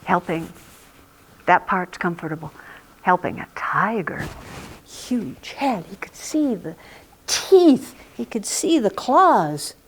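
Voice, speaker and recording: A woman's voice: medium pitch, sing-song, takes it slowly, a little hiss or hum. A woman telling a folk tale live in a recording studio, dramatic and often dropping to a whisper. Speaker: storyteller.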